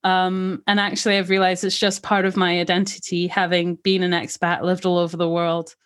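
A woman raised in Africa, whose accent mixes American, British and Scottish traces, tells her life story as a podcast guest in a lively conversational interview, laughing often. Her voice is on the low side and fairly quick.

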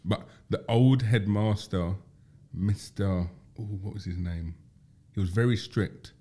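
A young man with a South London accent hosting a casual podcast chat, chatty and quick to laugh at himself. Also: on the low side, mellow. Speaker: podcast host.

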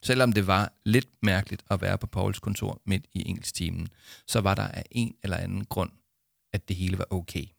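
En mandlig fortæller læser en børnehistorie op i et roligt, jævnt tempo. Stemmen er dyb og knirkende, og optagelsen er helt tør og tæt på. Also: male voice, low-pitched, steady tone, vocal fry, no echo, clean studio sound. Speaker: narrator. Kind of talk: storybook narration.

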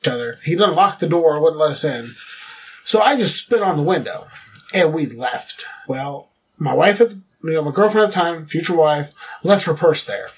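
High-voiced man telling a story. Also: animated, moderate pace, recorded from a distance. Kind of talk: casual storytelling.

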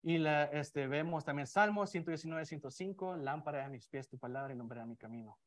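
A man with a higher voice preaches an expository sermon in a church, speaking fairly quickly before a congregation with slides. His delivery is conversational, full of restarts and fillers, and he asks the congregation questions.

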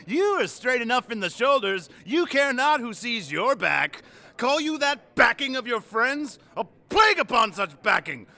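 A man's voice: extremely high pitch, very animated, normal speed, vocal fry, sharp tone, full character voice. An actor playing a fat, boastful old drunken knight in Shakespearean style, declaiming his grievances in blustering outbursts. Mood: scornful, blustering. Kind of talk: Shakespearean stage acting.

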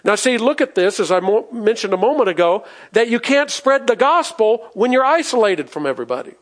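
A man's voice: sits high, very animated, brisk. A pastor preaching a sermon to his congregation, reading scripture aloud and asking the people questions. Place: church in front of a congregation.

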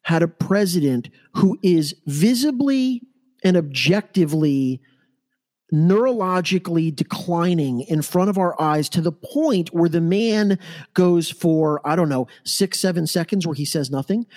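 A man's voice: high voice, darkish tone. Man, talk show host, sarcastic, mocking, political banter. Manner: sarcastic, mocking, acts out imagined quotes.

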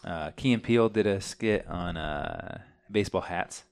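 Deep-voiced male podcast co-host, easygoing, halting delivery. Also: vocal fry. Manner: relaxed, hesitant with frequent "uh"s. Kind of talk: casual podcast chat.

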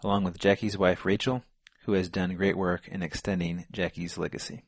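A man co-hosting a sports podcast in casual chat, relaxed and full of fillers. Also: low voice, normal speed. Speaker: podcast co-host.

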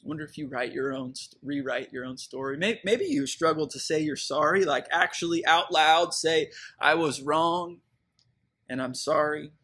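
Husky-voiced pastor preaching conversationally. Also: male voice, fairly high pitch, normal speed, few pauses, fairly bright tone. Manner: conversational, reflective, with fillers and restarts. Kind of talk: sermon.

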